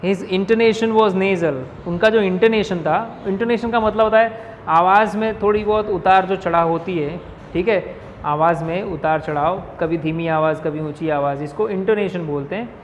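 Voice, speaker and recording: A male teacher explaining an English lesson in Hindi. He reads each English line slowly, then explains it, and often checks in with his class. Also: sits high, steady tone. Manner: keeps checking in with "ठीक है". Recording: reverberant room with faint noise.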